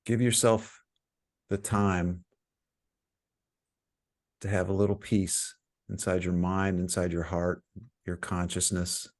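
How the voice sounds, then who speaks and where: In a low voice, a meditation teacher gives calm, soothing guidance. He pauses often as he leads the session.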